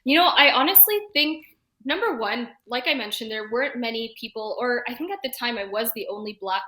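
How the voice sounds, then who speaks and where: A woman in her twenties from Toronto, a guest on a podcast, talking in an upbeat, animated way with many fillers. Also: on the high side, a little fast. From Toronto, Canada. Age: 20s. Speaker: guest, YouTube creator. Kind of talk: podcast interview.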